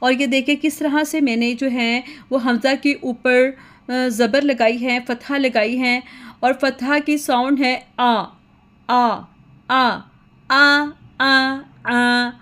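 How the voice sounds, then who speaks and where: High-voiced woman teaching children slowly. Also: fairly even intonation. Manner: patient, repeats sounds in slow sing-song chants. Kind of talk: children's lesson at a whiteboard.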